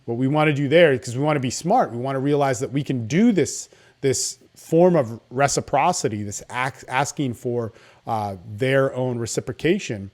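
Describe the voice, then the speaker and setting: A man's voice: medium pitch, moderate pace, a little mellow. A man giving informal coaching advice in a confident, salesy, casual way, often checking in with "right?". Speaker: dating coach.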